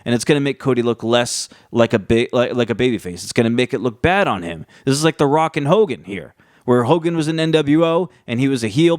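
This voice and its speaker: A man's voice: medium pitch, no room sound, clean studio sound. A man hosting a casual fan commentary on wrestling, speaking emphatically and repeating phrases for emphasis. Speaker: wrestling fan video host.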